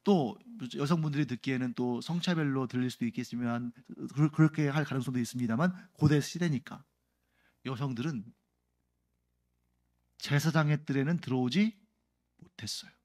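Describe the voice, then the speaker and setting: A man's voice: medium pitch, normal speed, darkish tone. A male pastor giving an explanatory Sunday sermon, often putting questions to the congregation.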